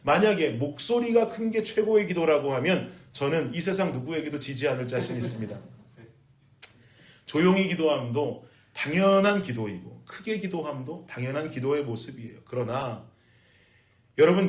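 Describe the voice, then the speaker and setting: A man's voice: fairly high pitch, animated, normal speed. Man preaching an urgent sermon, echoey room. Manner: emphatic preaching, rising to loud urgency. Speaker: pastor.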